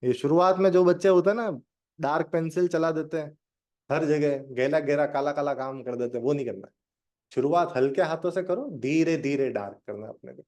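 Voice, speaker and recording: A man's voice: fairly high pitch, brisk, a little mellow, dull audio. A young man teaching a live online drawing lesson, chatting with his students and joking as he guides them step by step. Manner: chatty, addresses students directly and jokes.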